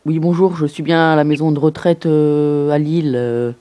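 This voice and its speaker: A man making a casual inquiry over the phone, halting and earnest in his delivery. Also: fairly high pitch, fairly even intonation, mellow, smooth, no room sound. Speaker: prank caller. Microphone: telephone call. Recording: noisy telephone prank recording.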